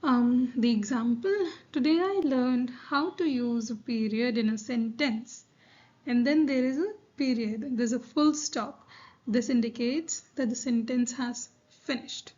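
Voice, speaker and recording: A woman teacher explaining grammar in a patient, slow lesson, repeating her points with fillers like "um" and "right". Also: a little high, a little mellow, lo-fi sound.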